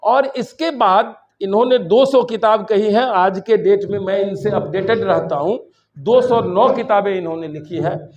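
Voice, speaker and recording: A man's voice: high voice, normal speed, darkish tone, lo-fi sound. An older man from Bihar, a university vice-chancellor, giving a rambling, story-filled seminar speech and slipping into English phrases. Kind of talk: public lecture speech.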